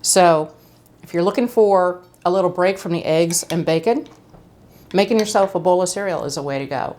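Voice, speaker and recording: Chatty woman with a lowish voice. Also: moderate pace, a little mellow. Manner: chatty, friendly, with fillers and asides. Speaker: cooking channel host. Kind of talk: casual cooking demonstration. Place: home kitchen.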